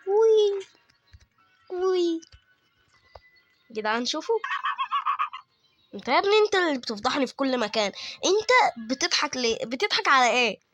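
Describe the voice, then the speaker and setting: A man's voice: extremely high pitch, big pitch swings, quick pace, sharp tone, slight background noise. A man with an Egyptian Arabic accent doing let's-play horror game commentary, chatty with viewers and yelping at sudden frights. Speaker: gaming YouTuber.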